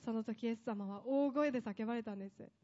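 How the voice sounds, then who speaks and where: Lady preacher giving a fired-up sermon, kinda high voice, mellow tone, a bit lo-fi. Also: fast talker. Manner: impassioned, rising to emphatic lists.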